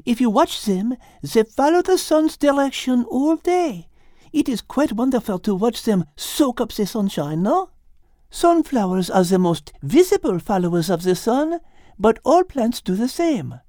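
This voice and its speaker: A woman's voice: on the high side, big pitch swings, a little slow, warm tone, no room sound, studio quality, voice pushed up. A woman voicing an encouraging female teacher with a put-on French accent who drops French words into her explanations. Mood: enthusiastic.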